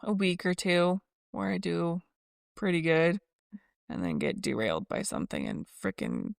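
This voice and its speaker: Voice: mid-range voice, wildly swooping pitch, normal speed, gravelly, clean tone, no echo, studio quality. A podcast co-host talking candidly and self-deprecatingly in a casual faith chat.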